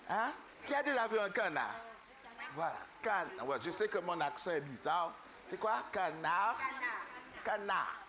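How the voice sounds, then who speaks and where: A man preaching in a church, telling a fable to the congregation in an animated, halting way and quizzing them. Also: sits high, crowd noise. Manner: animated, asks the congregation questions; halting, many fillers. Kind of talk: sermon storytelling.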